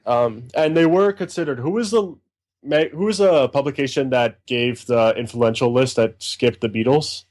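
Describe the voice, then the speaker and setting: A man's voice: medium pitch, normal speed, a little mellow. Rambling, enthusiastic male music reviewer. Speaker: podcast co-host, music reviewer. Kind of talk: casual podcast chat.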